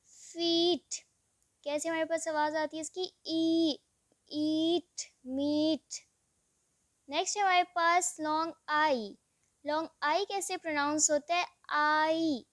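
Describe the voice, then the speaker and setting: A woman's voice: very high-pitched, steady tone, takes it slowly, no room sound, clean studio sound. A woman teaching English vowels, spelling out words letter by letter and stretching the vowel sounds in a patient classroom manner. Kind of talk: slow classroom explanation.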